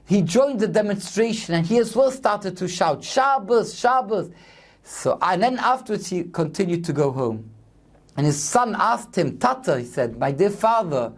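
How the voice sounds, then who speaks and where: Man, rabbi, Torah sermon, earnest, measured, restarts. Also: high voice, a little mellow. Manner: earnest, measured, with frequent self-corrections.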